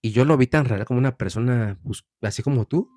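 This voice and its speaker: A man's voice: mid-range voice, brisk, warm tone, no room sound, studio quality. A man from Mexico with a Mexican Spanish accent, a guest telling a personal story in a chatty way, often repeating phrases as he recalls. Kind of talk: casual storytelling.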